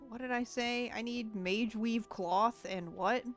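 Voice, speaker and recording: Soft-spoken, unhurried man streaming a game. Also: very high-pitched, fairly even intonation, faint music behind. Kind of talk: casual chat while gaming.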